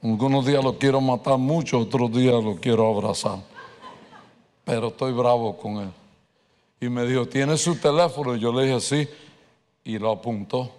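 Animated storytelling pastor in a reverberant hall. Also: male voice, mid-range voice, normal speed. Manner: animated storyteller, mixes English words. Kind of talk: sermon with personal story.

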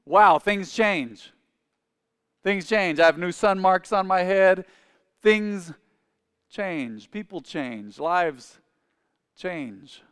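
Man, 40s, pastor, sermon in church, smooth resonant voice, call and response. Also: high-pitched, expressive, very slow, pauses often, fairly bright tone. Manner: calls on the congregation to repeat phrases. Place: church sanctuary. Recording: long reverb of a large hall.

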